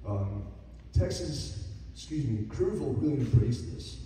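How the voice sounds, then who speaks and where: A man in his forties gives a hesitant, slow speech full of pauses and fillers. His voice cracks with emotion. He is picked up from a distance in a large, reverberant hall with a noisy background. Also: medium pitch, lively intonation, dark tone. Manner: hesitant, with many fillers and restarts. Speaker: guest speaker at a dedication. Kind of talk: halting personal speech. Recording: echoey hall, mic far off, noisy.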